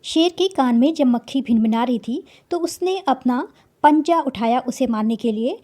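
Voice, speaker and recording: A woman teacher with a high, mellow voice reads a children's story aloud. She stops often to explain word meanings in a patient, step-by-step way. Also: animated, moderate pace. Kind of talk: reading and explaining a school story lesson.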